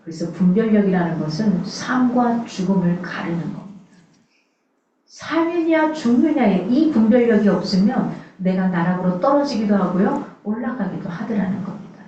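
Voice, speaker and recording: A woman's voice: medium pitch, lively intonation, normal speed, warm tone, a little hiss or hum. Woman pastor preaching in an echoey hall. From South Korea, Suncheon in Jeolla. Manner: earnest, conversational preaching with rhetorical questions. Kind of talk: sermon. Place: church sanctuary. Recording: echoey, distant, dull church recording.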